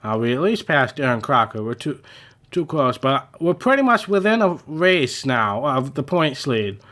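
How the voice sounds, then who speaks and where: A young man giving casual, rambling commentary over his racing game, a little hoarse and self-deprecating, with many fillers. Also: medium pitch, big pitch swings, normal speed, a bit bright. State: slightly losing his voice. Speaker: gaming channel host.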